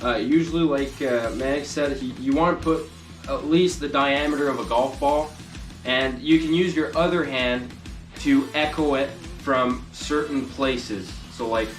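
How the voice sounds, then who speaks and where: A man's voice: mid-range voice, measured pace. A man giving an informal hands-on tutorial as a hunting instructor, explaining loosely and casually. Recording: distant mic, echoey, music behind.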